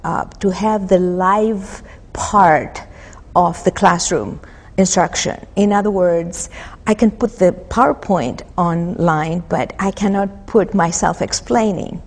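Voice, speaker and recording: A woman's voice: on the low side, a little mellow. Greek-born woman instructor, reverberant hall. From Greece. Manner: thoughtful, many pauses and fillers. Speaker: mythology instructor. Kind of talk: interview answers. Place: empty auditorium. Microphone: lapel.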